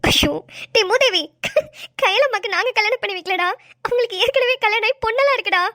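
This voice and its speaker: A woman voicing a shrill scolding cartoon wife. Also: fast, pushed and bright, dry recording, studio quality. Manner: scolding, trades insults. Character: bossy sharp-tongued young wife, scolding. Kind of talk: cartoon voice acting.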